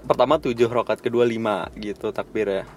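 A man's voice: lowish voice, fairly even intonation, brisk, darkish tone, faint music behind. A young man co-hosting a podcast, chatting casually, joking, swearing and laughing often. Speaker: podcast co-host. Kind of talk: casual chat.

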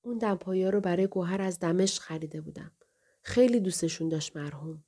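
A woman voicing an elderly male scholar who is kind and grieving, speaking softly and affectionately. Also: fairly low pitch, breathy edge. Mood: gentle. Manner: soft, affectionate, slow.

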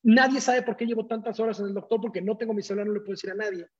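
A man, a guest telling a personal story in an animated way and acting out the dialogue. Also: sits high, very fast, breathy edge. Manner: animated, acts out quoted dialogue. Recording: dull lo-fi audio.

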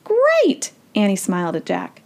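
A woman reads a children's chapter book aloud, her voice rising and falling with lively expression. She breaks in with chatty, playful comments of her own. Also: mid-range voice, normal speed. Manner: chatty, playful asides between reading. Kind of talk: storybook read-aloud.

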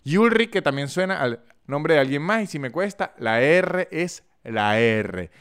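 A man's voice: a little high, lively intonation, unhurried, fairly bright tone, smooth. A man with a Venezuelan Andean accent from San Cristóbal, hosting a solo podcast in a chatty, jokey, self-mocking way and talking straight to his listeners. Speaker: podcast host. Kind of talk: solo podcast monologue with read sponsor ads.

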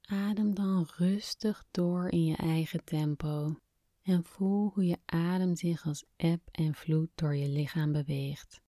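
A woman guiding a relaxation exercise in a soft, breathy, soothing near-whisper, like a spa meditation. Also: lowish voice, slow pace, no echo, clean studio sound. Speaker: podcast host, relaxation guide.

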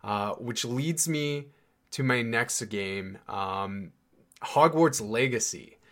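Animated but slow-paced, a young man with a medium-pitched, fairly bright voice hosts a podcast. He talks casually and enthusiastically, restarting often and using lots of fillers.

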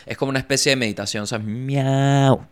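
A man's voice: medium pitch, a little fast, a bit bright. A young man hosting a casual podcast, talking in a playful, slangy, joking way and slipping into little bits and impressions. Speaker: podcast host. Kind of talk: casual comedic podcast chat.

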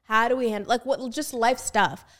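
A woman's voice: on the high side, fairly quick, fairly bright tone. A young woman hosting a podcast in casual conversation, chatty, laughing often and filling her talk with "like". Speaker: podcast host. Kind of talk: casual chat.

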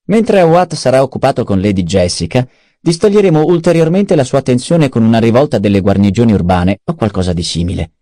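A man's voice: mid-range voice, lively intonation, a little fast, dark tone, no echo, studio quality, voice pushed up, close to an everyday voice. A man voicing a cunning, self-satisfied male adviser in an audiobook, eager and precise. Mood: scheming. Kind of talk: audiobook character voice.

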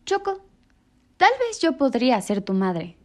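A woman voicing a gentle, motherly female bear who speaks softly and kindly, in a storybook reading. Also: a little high, very animated, measured pace. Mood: tender. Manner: soft, warm, sighing.

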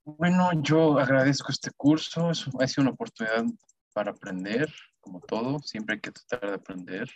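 A man's voice: medium pitch, moderate pace, dry recording. A young man speaking casually as a participant on a student podcast. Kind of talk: casual thanks and reflection. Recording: dull, lo-fi sound.

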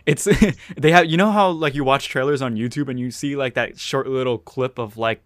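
A man's voice: mid-range voice, normal speed, dry recording. A young man co-hosting a casual podcast chat, mostly chiming in with short, agreeing remarks. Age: young adult. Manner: short agreeing interjections, laughs often. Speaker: podcast co-host.

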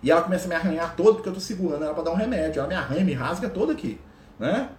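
Brazilian man giving a lively spiritual talk. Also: a little high, rapid-fire, a little hiss or hum. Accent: Brazilian Portuguese. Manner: conversational, keeps checking in with listeners. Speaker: spiritual teacher. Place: at home, with a pet cat. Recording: roomy echo.

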